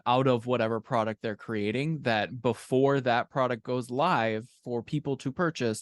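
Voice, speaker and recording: With a mid-range voice and no echo, a man talks conversationally as a guest on a podcast interview. He co-authors fiction and explains things in an informal, thoughtful way.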